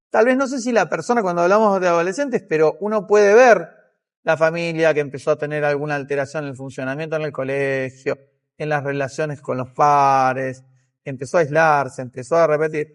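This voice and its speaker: Speaking with an Argentine accent, a male psychiatrist gives measured, explanatory answers in an interview, working through his thoughts aloud. His pitch sits fairly high.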